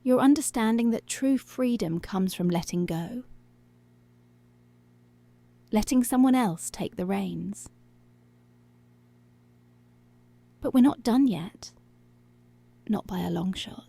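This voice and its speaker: An ASMR voice actor takes on the role of a seductive, dominant policewoman, issuing slow, breathy, deliberate commands that frequently fall into a whisper. Her medium-pitched voice has a warm tone, the recording is dry and intimate, and the mood is teasing and seductive.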